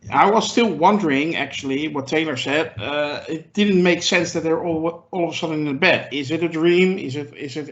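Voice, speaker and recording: A man on a podcast panel giving his opinion in a casual, hesitant way, full of fillers. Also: medium pitch. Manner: hesitant, many fillers, gets excited. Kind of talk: casual discussion. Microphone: handheld mic moved about. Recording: muffled lo-fi audio.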